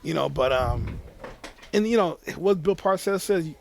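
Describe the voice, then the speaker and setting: A man giving chatty color commentary on a high school football game, full of "you know" and "I mean". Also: lively intonation, measured pace, creaky, a little hiss or hum.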